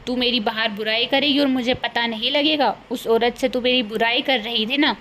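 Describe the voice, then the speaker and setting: A woman's voice: on the high side, fairly even intonation, normal speed, fairly bright tone, a little hiss or hum, natural voice. A woman voicing a scolding, greedy older village mother-in-law in a cartoon, bossy and scornful. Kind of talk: cartoon voice acting.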